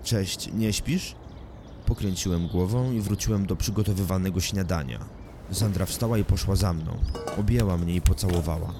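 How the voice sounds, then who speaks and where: Low-voiced man narrating a dark audiobook. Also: fairly quick, noisy background. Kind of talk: first-person thriller audiobook narration.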